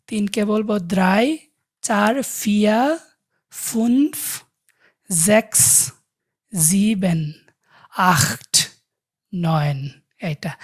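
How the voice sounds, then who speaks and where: A woman teaches a language class online, talking over a video call. Her voice sits at a medium pitch. She spells out each word letter by letter, then leads the students through drills where they repeat after her.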